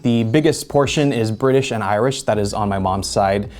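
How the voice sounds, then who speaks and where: A man, a video director, talking calmly and thoughtfully to camera. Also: lowish voice, normal speed, faint music behind. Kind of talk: casual talk to camera.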